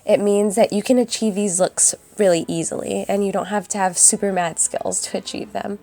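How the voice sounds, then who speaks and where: A young woman with a raspy, hoarse voice from a cold, chatting casually through a makeup tutorial voice-over. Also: medium pitch, fairly even intonation, normal speed, warm tone, dry recording. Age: young adult. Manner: chatty and upbeat, addresses viewers as guys. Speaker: beauty vlogger. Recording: voice-over with faint music behind.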